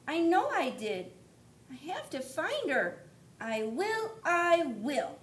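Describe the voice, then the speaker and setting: A woman voicing a small baby bird searching for his mother, high and pleading. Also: sing-song, takes it slowly, a bit bright, full character voice. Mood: eager. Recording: echoey room, faint rumble.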